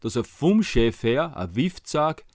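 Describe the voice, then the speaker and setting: A man narrates a story in broad Viennese German. His wording is colloquial and slangy, in the way of a dialect storyteller. His voice sits at a middle pitch, and the sound is dry with hardly any room. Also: sing-song, slow, a little mellow, no echo. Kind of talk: dialect storytelling of a Bible tale.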